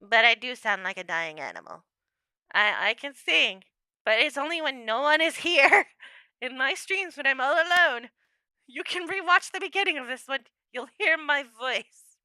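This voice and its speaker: A woman's voice: sits high, lively intonation, normal speed, sharp tone, no echo, studio quality. A young adult woman chatting casually with viewers on her livestream, playful and laughing often.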